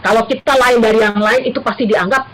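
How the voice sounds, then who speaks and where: A woman's voice: a little high, steady tone, fast talker, a bit bright, poor audio. A middle-aged woman, a university lecturer, giving an earnest church talk to the congregation. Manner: earnest, addresses listeners as brothers and sisters. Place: church service.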